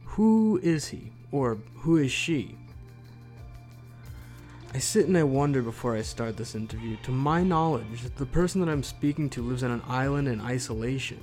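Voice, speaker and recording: A man's voice: mid-range voice, moderate pace, darkish tone, faint music behind. A man narrating a scripted, reflective intro as podcast host. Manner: reflective, musing.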